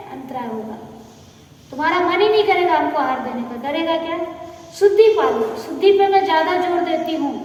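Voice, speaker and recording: A middle-aged woman preaches from some way off the mic in a temple hall, her voice very high and ringing with a long echo. She scolds and drives her points home by asking questions and answering them herself, over a faint hum of noise. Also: recorded from a distance. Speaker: Jain nun giving a sermon. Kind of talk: sermon.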